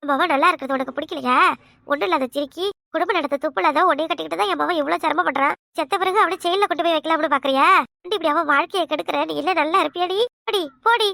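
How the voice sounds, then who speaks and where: A woman's voice: extremely high pitch, very fast, vocal fry, sharp tone, dry recording, studio quality, exaggerated voice. A woman voicing a harsh older village mother-in-law with a Kanyakumari Tamil accent, scolding and insulting in a cartoon comedy.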